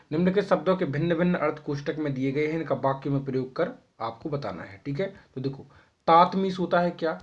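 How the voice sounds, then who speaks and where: Man teaching children, slightly high voice. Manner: repeats "ठीक है" as a constant check-in; reads out questions, then dictates answers slowly. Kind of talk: explaining homework answers to children. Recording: dull lo-fi sound.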